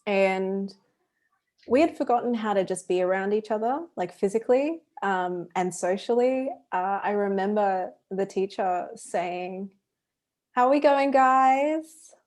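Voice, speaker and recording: A woman's voice: mid-range voice, a little slow, warm tone. A woman co-hosting a podcast, talking in a casual, chatty way with fillers. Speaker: podcast co-host. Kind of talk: casual chat.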